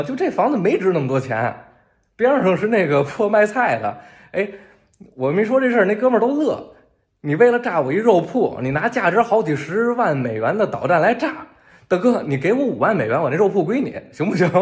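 A man with a Beijing accent talking casually to viewers in a video, cracking wry, deadpan jokes. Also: on the high side. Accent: Beijing Mandarin. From Beijing, China. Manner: wry, joking, deadpan gallows humor. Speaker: civilian in a war zone posting a video.

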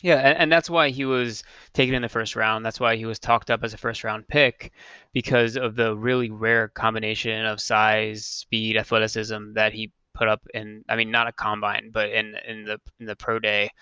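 A man co-hosting a casual sports podcast, measured and analytical. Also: lowish voice, flat delivery, sharp tone, clean tone, dry recording. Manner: measured, analytical, repeats words. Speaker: podcast co-host.

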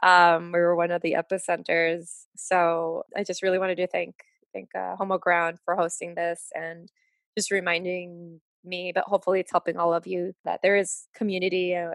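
A woman's voice: fairly low pitch, creaky, a bit bright, no echo, clean studio sound. A woman thanking the group on a video call, grateful and a bit nervous. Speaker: participant at a virtual meetup.

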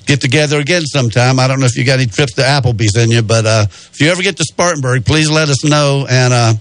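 A man's voice: medium pitch, fast, no room sound. Man hosting sports radio, dry sound. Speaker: radio sports show host. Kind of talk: casual live interview and show talk.

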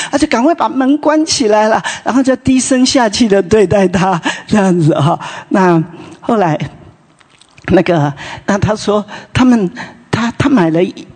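Husky-voiced preacher in a reverberant hall. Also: mid-range voice, a little mellow. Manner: chatty retelling, frequent tag particles and restarts. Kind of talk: storytelling sermon at a morning prayer meeting.

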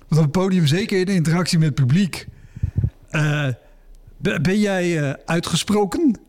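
Man, podcast host, fairly high voice, curious questions, casual. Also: moderate pace, darkish tone, slight background noise. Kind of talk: casual interview chat.

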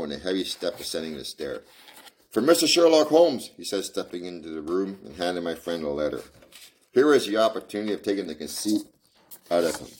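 Low-voiced man reading aloud with folksy asides. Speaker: reader. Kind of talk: casual read-aloud with commentary.

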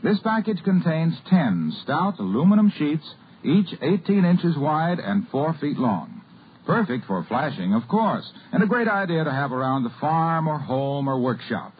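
On a tinny, noisy vintage radio broadcast, an American man announces and reads a scripted commercial in the polished, emphatic style of a 1950s radio salesman. His voice sits on the high side, very animated but unhurried.

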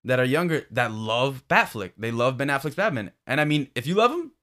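A man co-hosting a casual podcast, with a bright, forward tone. He rambles through his points with plenty of fillers and restarts. The middle of his voice sits at an ordinary pitch for a man. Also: brisk. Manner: rambling, filler-heavy, animated retelling. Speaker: podcast co-host. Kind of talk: casual chat.

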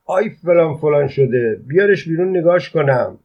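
A man voicing a gruff middle-aged male driver who curses and talks bluntly in a colloquial mutter, in a read-aloud story. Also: mid-range voice, lightly acted. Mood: scornful. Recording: dull lo-fi recording.

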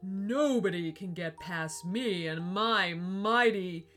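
Woman voicing a booming ghostly Viking. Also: fairly bright tone, soft background music. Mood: commanding. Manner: slow, grand and booming. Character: tall booming ghostly Viking warrior man. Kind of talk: storybook reading.

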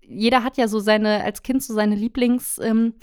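A young woman in casual chat, telling anecdotes in a lively, colloquial way with frequent tag questions. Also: fairly high pitch, normal speed, smooth. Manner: chatty, animated, colloquial, many tag questions.

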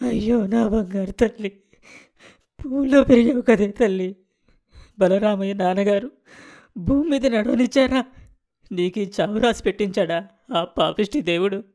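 A woman's voice: medium pitch, normal speed, long pauses, mellow, lightly acted. A woman doing a wailing household cook. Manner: lamenting wail. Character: middle-aged household cook, wailing in grief.

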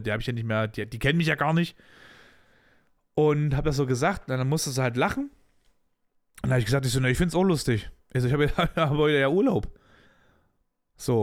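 A man hosting a podcast, bluntly and animatedly telling a story from his own working life in casual, colloquial talk. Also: medium pitch. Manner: blunt, animated retelling of a workplace dispute with colloquial asides. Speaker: podcast host.

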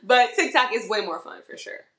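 Bright and crisp, with a slightly high voice at normal speed, a bubbly model and musician from Georgia guests on a podcast for a casual interview chat. She's playful and animated, doing little voices in her stories, while the sound bounces around an echoey space.

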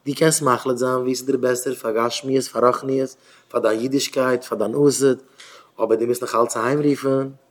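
A man's voice: steady tone, fairly quick. Impassioned man preaching with sudden outbursts. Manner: repetitive, exhorting, swinging between loud outbursts and low murmurs. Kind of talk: impassioned moral talk.

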